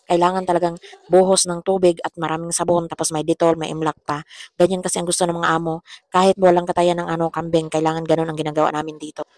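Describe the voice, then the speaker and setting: Hoarse young Filipino woman vlogger, quick and chatty, dry close sound. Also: lowish voice, level tone, a little mellow, dry recording. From Philippines. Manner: chatty, laughs often, says "char" as a tag. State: hoarse after a fever. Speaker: vlogger, domestic worker abroad. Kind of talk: casual voice-over chat.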